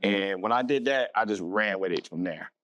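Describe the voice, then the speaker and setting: Low-voiced Southern man, rambling. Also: moderate pace, fairly bright tone. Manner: rambling, self-correcting, laughs easily. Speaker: filmmaker guest. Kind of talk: casual podcast interview.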